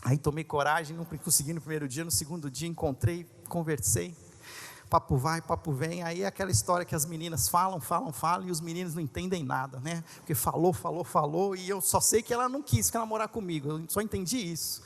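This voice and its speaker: High-voiced man preaching in an echoing hall. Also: quick pace. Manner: animated, conversational storytelling with audience asides. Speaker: pastor. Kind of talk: storytelling sermon. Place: large congress hall. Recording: long reverb of a large hall.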